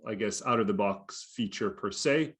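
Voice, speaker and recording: Low-voiced man explaining at length. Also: moderate pace, fairly bright tone, husky. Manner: rambling explanations full of "you know" and "right?". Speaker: podcast co-host. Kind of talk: casual conversational podcast chat.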